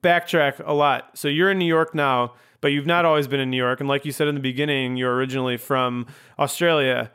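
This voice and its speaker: A man's voice: mid-range voice, steady tone, brisk, few pauses, a bit bright, clear, resonant tone. A man hosting a podcast, talking casually and rambling with many ums and restarts. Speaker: podcast host. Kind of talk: casual interview chat.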